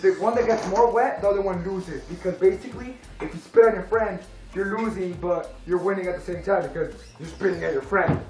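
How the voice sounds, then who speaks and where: A young man hosting a casual challenge vlog, talking fast and hyped with rambling explanations in an indoor room. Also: high-pitched, a little mellow. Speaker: vlog host. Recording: roomy echo, faint music.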